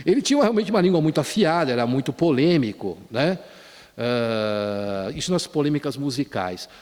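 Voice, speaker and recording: A man's voice: mid-range voice, lively intonation, moderate pace, a little mellow. A man giving an academic lecture at a conference, often ending phrases with a tag question and restarting words. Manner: frequent tag questions and restarts, quotes lyrics. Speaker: conference speaker. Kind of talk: academic lecture on popular song. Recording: reverberant hall.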